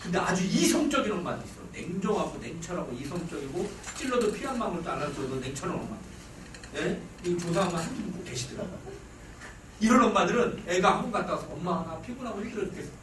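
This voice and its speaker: A man giving a psychology lecture on parenting to a live audience, talking in an animated way. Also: high-pitched, fast, far from the mic, a little hiss or hum. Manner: animated, acts out mothers' lines with sudden shouts. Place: lecture hall. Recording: roomy hall sound from off-mic. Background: audience laughter.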